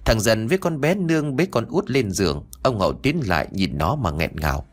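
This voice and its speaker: Low, lively male horror storyteller. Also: fairly quick, slightly rough.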